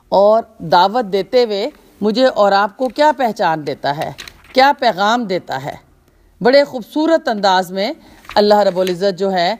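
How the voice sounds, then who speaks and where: A woman's voice: medium pitch, a little mellow. Woman giving an emphatic religious lecture. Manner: rhetorical questions and long spoken lists; preacherly and emphatic, with repeated phrases. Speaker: religious lecturer to young women. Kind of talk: Islamic lecture.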